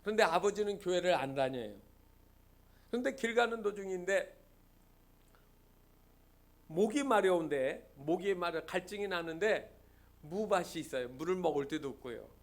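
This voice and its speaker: A man's voice: high-pitched, animated, moderate pace, pauses often. A male pastor giving a Sunday sermon, telling a story and asking the congregation rhetorical questions.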